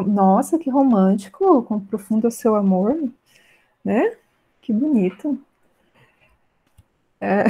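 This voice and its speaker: Teacher, mellow voice, English examples. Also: female voice, on the high side. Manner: explains in Portuguese, reads English examples slowly and clearly; keeps checking in with "né?" and "tá?". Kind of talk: online class lesson.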